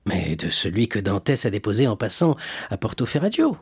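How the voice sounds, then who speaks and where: A man's voice: on the low side, big pitch swings, brisk, darkish tone, husky, no echo, studio quality, exaggerated voice. A man reading aloud, voicing a jealous, scheming ship's accountant who speaks in a sly, insinuating way.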